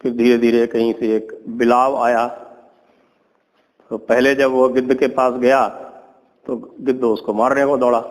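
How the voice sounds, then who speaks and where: A man hosting a talk who retells an old fable with lively storytelling and commentary. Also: long reverb tail, rough recording. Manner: lively storytelling, drops to low asides. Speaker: host, commentator.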